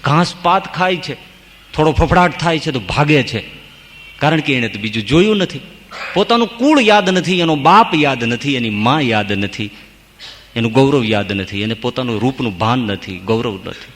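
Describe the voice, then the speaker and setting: Animated monk preaching in a hall. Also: male voice, mid-range voice, normal speed, a little hiss or hum. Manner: animated storyteller, chanting rhymes. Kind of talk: devotional sermon with storytelling.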